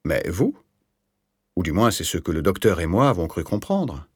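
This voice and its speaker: A man voicing a calm, patient, gently ironic middle-aged man in an audiobook. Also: low-pitched, brisk, slightly rough, no room sound, studio quality. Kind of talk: audiobook character voice.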